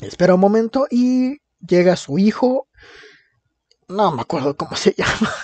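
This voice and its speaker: A man's voice: high-pitched, expressive, normal speed, darkish tone, no echo. A man with a Mexican accent casually recapping a comic, full of slang and laughter. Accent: Mexican Spanish. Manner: slangy, laughing plot retelling. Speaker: podcast host recapping a comic. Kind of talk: casual chat.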